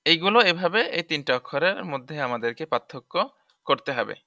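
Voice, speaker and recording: A man's voice: a little high, lively intonation, fairly quick, pushed and bright, no room sound, studio quality. A Bangladeshi man teaching letter sounds for Quran reading, patiently drilling syllables again and again. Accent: Bangladeshi Bengali.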